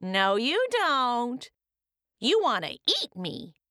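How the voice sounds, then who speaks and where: A woman's voice: fairly high pitch, wildly swooping pitch, takes it slowly, pushed and bright, no echo, clean studio sound, pitched above the performer's own voice, exaggerated voice. A woman voicing a cheeky, boastful little gingerbread man who taunts in a singsong chant. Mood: defiant.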